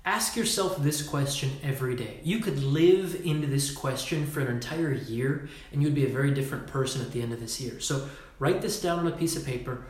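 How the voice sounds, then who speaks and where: A man runs a Facebook Live workshop talk, casual and emphatic, acting out postures to illustrate points and occasionally swearing. He speaks a little fast at a medium pitch, with a roomy sound.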